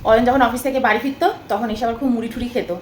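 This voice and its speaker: A woman's voice: a little high, fairly even intonation, rapid-fire, darkish tone, reverberant, a little hiss or hum. A woman vlogging at home from her bed, chatting casually to the camera, rambling and repeating herself.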